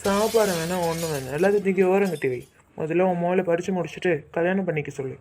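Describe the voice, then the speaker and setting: A voice actor playing a strict middle-aged father in a cartoon, gruff and commanding. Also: medium pitch, quick pace, darkish tone, a little hiss or hum, close to an everyday voice. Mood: stern. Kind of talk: cartoon voice acting. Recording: faint background music.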